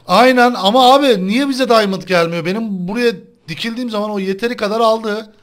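A young man with a fairly high voice talks his way through a game, excitable and exasperated. He turns to his viewers to complain as he plays, in loose, casual chat. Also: a little fast. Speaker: gaming channel host.

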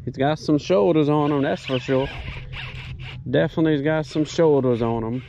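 Man on a kayak, mellow voice. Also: a little high, moderate pace, vocal fry, dull audio, a little hiss or hum. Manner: excited, talking to himself while fighting a fish. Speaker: kayak angler filming his catch. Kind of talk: casual first-person commentary. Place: outdoors on a kayak on open marsh water. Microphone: head or chest-mounted action camera.

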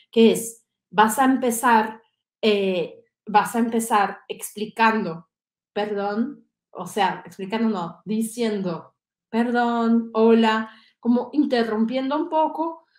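Slow-speaking woman teaching French. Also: fairly high pitch, reverberant. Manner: slow, careful drilling of phrases. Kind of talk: online language lesson.

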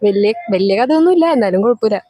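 A man's voice: high-pitched, expressive, fast talker, dry recording, clean studio sound. A man with a Malayali accent giving a casual film reaction as an interviewed moviegoer. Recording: loud music under voice.

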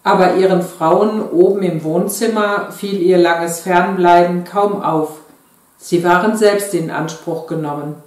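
A woman reading a story aloud in a calm, measured way. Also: on the low side. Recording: very echoey room.

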